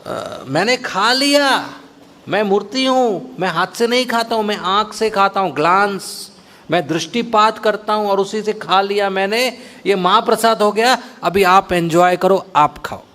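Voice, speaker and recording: Casting: man doing a patient, soft-spoken deity figure, raised pitch, gently explaining. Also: measured pace. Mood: coaxing. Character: gentle, patient deity image speaking to a child.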